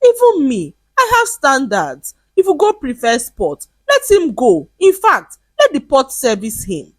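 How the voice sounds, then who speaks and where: A woman voicing a brash young woman who loudly dismisses a man. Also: sits high, wildly swooping pitch, a little slow, no echo, pitched above the performer's own voice, heavily acted. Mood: dismissive.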